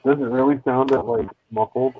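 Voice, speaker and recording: A man's voice: medium pitch, steady tone, fairly quick. A man in casual live-stream chat whose voice comes through muffled and muddled, as if heard through a wall over a poor Bluetooth mic, swearing freely. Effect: muffled, muddled sound, as if heard through a wall. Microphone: Bluetooth microphone.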